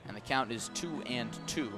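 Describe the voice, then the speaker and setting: Over music, a mid-range male voice moves at a moderate pace through live radio coverage of a baseball game. He switches between clipped play calls and easygoing asides, broadcasting from an outdoor ballpark.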